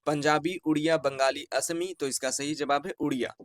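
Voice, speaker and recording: A man's voice: a little high, steady tone, no room sound, clean studio sound. Urdu-inflected man going over exam answers. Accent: Urdu-inflected Hindustani, Bihar. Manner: reads each question and its options slowly, then repeats the answer. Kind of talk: online exam answer-key lesson.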